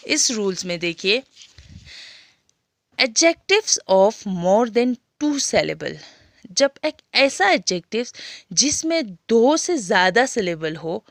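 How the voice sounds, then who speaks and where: Slow, dry-voiced Indian woman teaching. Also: mid-range voice, a bit bright, dry recording. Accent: Indian English. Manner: explains step by step, often checking "clear?". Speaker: school English teacher. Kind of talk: classroom grammar lesson.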